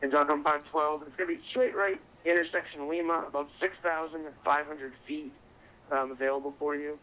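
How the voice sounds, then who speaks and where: A man's voice: on the high side, steady tone, a little fast. Tinny-radio male air traffic controller. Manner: clipped procedural phrasing, courteous. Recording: tinny narrow-band radio voice link.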